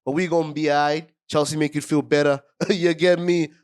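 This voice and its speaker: A man hosting a casual fan match review, excitable and talking straight to his viewers, his voice groggy from a cold. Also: a little high, a little fast. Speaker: football fan channel host.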